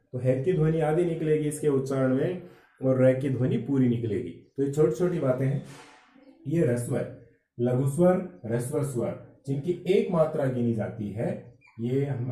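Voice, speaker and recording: A man teaching Hindi grammar for exam preparation, explaining slowly and drawing out vowel sounds. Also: mid-range voice, mellow, distant mic. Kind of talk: exam-prep lecture. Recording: echoey room, voice from off-mic.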